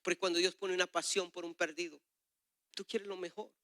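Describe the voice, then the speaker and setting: Bright, forceful middle-aged male preacher. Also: sits high, little pitch movement, fairly quick, no echo, clean studio sound. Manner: passionate storytelling, swings between loud and soft. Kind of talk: sermon with personal testimony.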